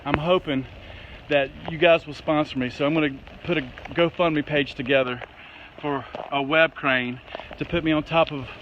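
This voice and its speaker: Outdoors, with clear wind and storm noise around him, a man speaks in a notably high voice with a Southern US accent. He plays amateur weather reporter in a folksy, excitable way, casually addressing his viewers live. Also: normal speed, lo-fi sound. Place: outdoors up a tree in wind and rain. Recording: windy outdoor noise, clicks and rumble. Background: storm wind and rain.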